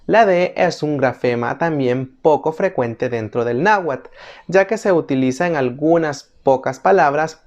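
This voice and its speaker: A teacher narrating an instructional video, methodically explaining each letter and slowly repeating every example word. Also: medium pitch, darkish tone, lo-fi sound. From El Salvador. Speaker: language teacher.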